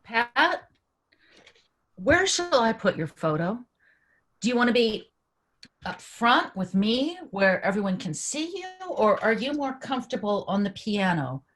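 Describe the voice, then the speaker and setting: A woman's voice: a little high, very animated, measured pace, a bit bright, a little hiss or hum. A woman reading the part of a devoted sister, speaking earnestly and with emotion in a staged play reading. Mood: tender. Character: caring adult sister, anxious and tender.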